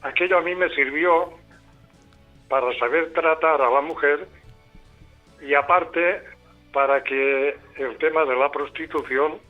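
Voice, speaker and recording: Older man calling in over the phone. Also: a little high. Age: 70s. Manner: unhurried, speaks in short broken phrases. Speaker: caller. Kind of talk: call-in radio comment. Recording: tinny phone line with faint music.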